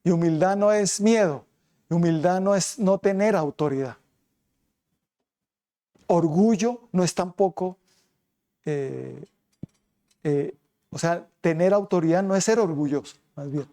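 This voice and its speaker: Mellow-voiced man preaching a sermon. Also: high-pitched, measured pace, long pauses. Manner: preaching with rhetorical questions. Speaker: pastor.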